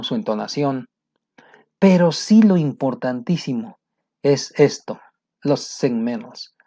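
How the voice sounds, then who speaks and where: A man's voice: medium pitch, mellow. A man gives a casual spoken lesson as an English teacher, hesitating often with fillers and restarts. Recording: dull lo-fi sound.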